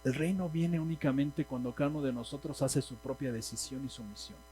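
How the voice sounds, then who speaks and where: A man's voice: medium pitch, a little fast, dark tone, slight background noise, low-quality recording. A man with a Mexican Spanish accent preaching a sermon in a church, speaking emphatically and asking the congregation questions. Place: church hall.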